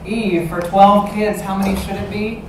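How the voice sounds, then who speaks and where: An actress on stage playing a sardonic, deadpan woman coworker. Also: mid-range voice, moderate pace, natural voice. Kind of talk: stage musical acting. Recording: distant, very echoey stage with noise.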